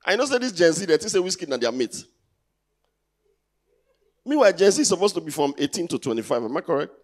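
This thirtysomething comic with a Nigerian accent speaks quickly in a sing-song, somewhat high voice. He teases the crowd in a chatty way, asking rhetorical questions into a handheld stage microphone in a big indoor theatre.

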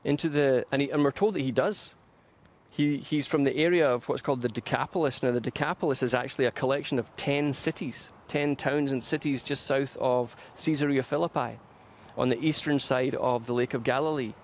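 A man's voice: mid-range voice, steady tone, fairly quick, a little hiss or hum. A man in an ordinary mid-range voice preaches a sermon with earnest emphasis. He leans into repeated phrases and restarts sentences as he builds his point. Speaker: pastor. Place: church.

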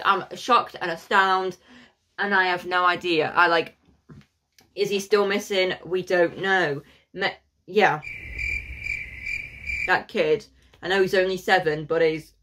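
A woman's voice: on the low side, fairly bright tone. A young woman gives casual reaction commentary from a small room, exclaiming and talking back to what she watches. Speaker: reaction video host. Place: small indoor room at a desk.

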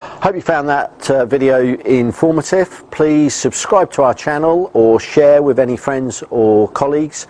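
A man giving a slow, halting closing sign-off for a company channel, with fillers. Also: medium pitch, mellow.

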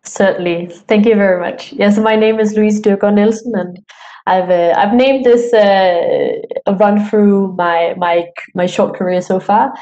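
A woman's voice: medium pitch, steady tone, a little slow, mellow, highs cut off. A young woman from Denmark, giving an online talk as a PhD student, friendly and tired, with many fillers and restarts. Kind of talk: online presentation. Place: home room.

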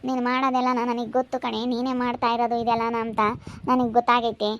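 A woman's voice: fairly high pitch, flat delivery, fast, natural voice. A woman playing a scolding village aunt. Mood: accusing. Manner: scolding, accusing. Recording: slightly dull lo-fi recording.

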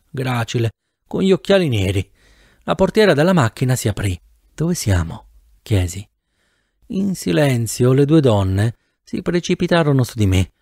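A man reading a novel aloud in the first person with an animated, theatrical delivery, close to the mic. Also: fairly high pitch, no echo. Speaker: audiobook narrator. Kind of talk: expressive audiobook narration.

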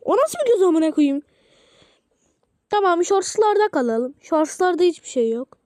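A woman casually reacting to short videos, rambling and excitable, swearing often. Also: extremely high pitch, normal speed, no room sound, clean studio sound.

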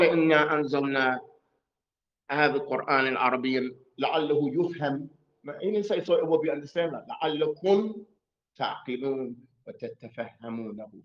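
A man teaching a bilingual mosque lesson on Quran recitation, quizzing his class as he goes. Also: mid-range voice. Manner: asks the class questions, switches between Arabic and English. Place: mosque hall. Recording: echoey muffled mosque recording.

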